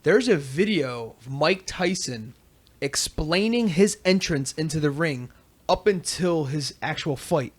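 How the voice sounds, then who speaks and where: Man, podcast host, casual chat, animated storyteller, acts out quotes, fairly high voice. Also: measured pace.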